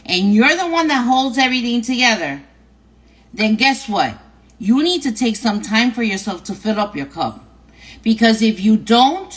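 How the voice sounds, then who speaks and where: Hosting a live advice stream, a chatty middle-aged woman from New York speaks with a New York accent, repeating herself and often ending sentences with "right?" or "okay?". Her voice is mid-range with a fairly bright tone.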